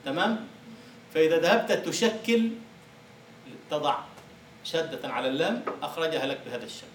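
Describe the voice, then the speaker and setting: A man's voice: fairly high pitch, animated, fairly quick, slight background noise. A male university lecturer teaching a class, explaining by asking the students questions and answering them himself. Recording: echoey room from far off.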